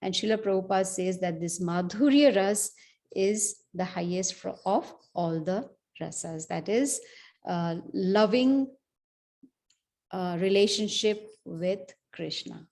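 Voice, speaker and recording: A woman's voice: mid-range voice, slow pace, darkish tone. A woman giving a scripture class, telling the story in a conversational way with many asides. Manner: conversational storytelling, frequent "you know". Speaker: class speaker.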